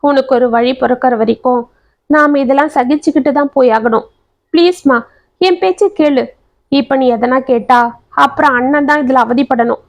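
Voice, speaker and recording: A woman's voice: high voice, moderate pace. A woman voicing a patient, pleading widowed mother. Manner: pleading, gentle.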